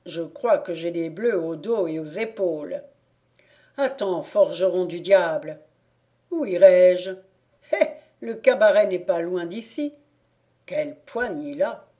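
A man's voice: high-pitched, animated, slow, warm tone. A woman doing Chub, a grumbling old peasant. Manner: muttering to himself, suspicious. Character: grumbling old peasant man, sly and stubborn.

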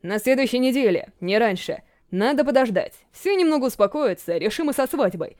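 A woman voicing a weary male king who speaks in a measured, dry way in an audiobook reading. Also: fairly high pitch, animated, darkish tone, close to an everyday voice. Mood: calm.

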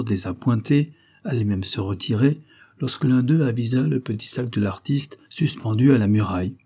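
A man reading a historical novella aloud in measured, even storytelling. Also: lowish voice, husky. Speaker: audiobook reader. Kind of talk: scripted narration of a historical novella.

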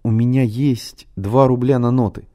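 A man reading a storybook, giving a quiet, polite boy a mild, plain voice. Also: mid-range voice, fairly even intonation, measured pace, voice pushed up, natural voice.

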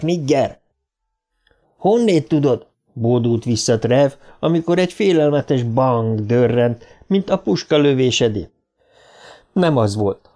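Guy narrating an audiobook, first person storytelling, mid-pitched and a bit of vocal fry. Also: mellow.

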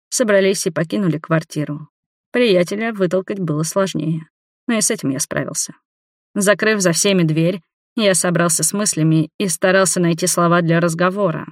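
Steady first-person audiobook narrator. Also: medium pitch, no echo, studio quality. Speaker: audiobook reader.

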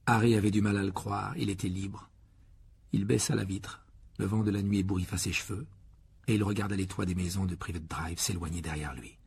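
A man narrating an audiobook in an expressive reading style. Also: low-pitched, brisk, creaky, husky. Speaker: audiobook reader.

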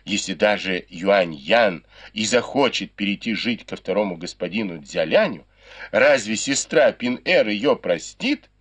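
A man's voice: on the low side, expressive, a little slow, a bit bright, breathy edge, exaggerated voice. A man doing a sly joking maid. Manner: sly, laughing. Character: joking young maidservant, sly.

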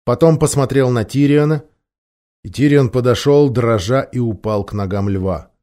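A man narrating a children's storybook in an expressive, measured reading. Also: medium pitch. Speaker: audiobook reader.

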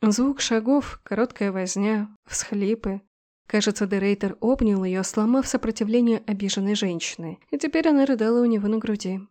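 A woman narrating a first-person fantasy audiobook in a steady, expressive storytelling voice. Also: mid-range voice, moderate pace.

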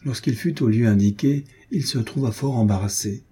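A man narrating a nineteenth-century novel as an audiobook reader, raising his pitch for the characters' dialogue. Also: moderate pace, mellow, husky.

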